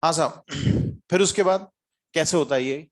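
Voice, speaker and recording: A man's voice: a little high, measured pace. A man teaching a physics class to students, questioning them often and mixing in English terms. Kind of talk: classroom lecture.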